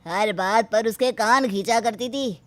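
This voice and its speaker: A woman voicing the bride's loud, fussing middle-aged mother in a cartoon story. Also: fairly high pitch, a little slow, no echo.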